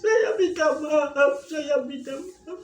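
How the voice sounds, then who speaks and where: Man voicing a sobbing remorseful rich man; high, shouted wails, roomy echo. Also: takes it slowly. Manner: wailing, crying out. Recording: roomy echo, faint ambience.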